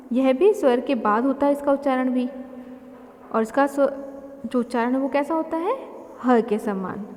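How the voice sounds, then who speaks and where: Woman teacher going over grammar real slow, lots of examples, long echo on it. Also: high-pitched, a little mellow. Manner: slow, careful explaining with spoken examples and self-corrections. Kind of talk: classroom lesson explanation. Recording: long reverb.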